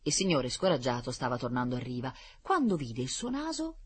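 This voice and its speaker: A storyteller reading a children's fable aloud in an expressive, lively manner. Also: medium pitch, a little fast, slightly rough.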